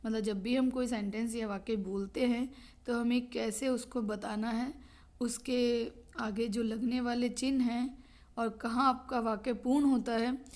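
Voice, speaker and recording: A woman teaching a grade-school grammar lesson to children, explaining slowly and checking often that they follow. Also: a little high, a little mellow. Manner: explains slowly, repeats and checks with "thik hai".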